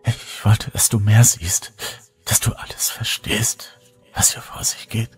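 A woman's voice: extremely low pitch, fairly even intonation, a little slow, breathy edge, faint music behind, voice pushed up, heavily acted. A man voicing a pale, exhausted young woman in a whispered role-play, speaking barely above a whisper and sounding weary and afraid. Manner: faint, weary and fearful. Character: exhausted hollow ghostly young woman, fearful.

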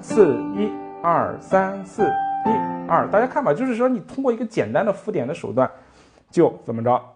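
Man teaching piano lively, animated speech. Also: a little high. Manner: counts beats aloud, asks frequent rhetorical tag questions. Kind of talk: music lesson with counting and playing. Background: piano playing.

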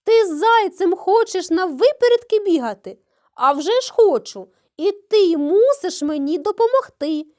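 A woman voicing a sly, unhurried male hedgehog in a children's fairy tale. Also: very high-pitched, expressive, darkish tone.

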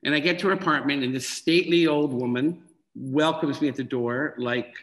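A man's voice: mid-range voice, normal speed, low-quality recording. A middle-aged man, a film director and guest, speaking casually over a video call and acting out dialogue as he tells stories. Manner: animated, acts out dialogue in anecdotes. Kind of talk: casual storytelling.

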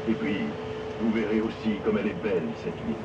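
An actor playing an older former miner and winemaker who guides visitors in a scripted, lively storytelling narration. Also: male voice, fairly low pitch, a little fast, distant mic, lightly acted. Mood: proud. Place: open tourist train outdoors. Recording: muffled loudspeaker on a moving tourist train, heard from afar with loud engine noise. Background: vehicle engine and outdoor ambience.

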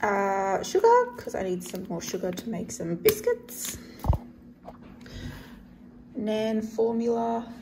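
Chatting through her grocery haul on camera, an Australian vlogger speaks slowly in a mid-range voice with huge pitch swings, pausing often. It's unscripted, her thoughts frequently trail away, and there's background noise.

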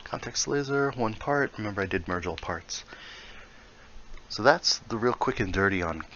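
Thinking aloud and muttering asides, a VR building tutorial creator casually walks through his build in a VR game. His voice is on the low side and fairly bright, with lively intonation at normal speed; the sound is lo-fi with slight background noise.

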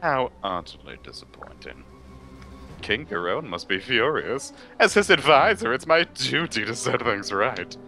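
A man's voice: mid-range voice, very animated, measured pace, vocal fry, pushed and bright, faint music behind, exaggerated voice. A man voicing a creepy, scheming male advisor in a fan dub of a video game. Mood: gloating. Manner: sinister, theatrical gloating.

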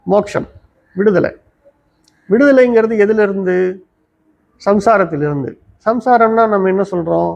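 A man with a Tamil accent giving a Vedanta discourse in an ashram, explaining step by step and slowly chanting Sanskrit verses. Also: high-pitched, vocal fry, a little mellow, lo-fi sound. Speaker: Vedanta teacher. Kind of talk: spiritual discourse. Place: ashram teaching hall.

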